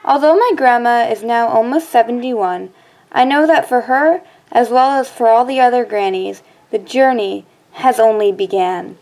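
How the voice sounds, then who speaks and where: A woman's voice: on the high side, moderate pace, darkish tone. Young woman reading a voice-over. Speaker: narrator. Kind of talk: scripted narration.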